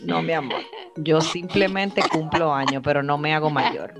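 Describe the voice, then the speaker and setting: A woman co-hosting a casual chat, speaking in a reflective, emphatic way with drawn-out phrases. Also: sits low, loud music behind the voice. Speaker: podcast co-host. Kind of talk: casual chat among friends.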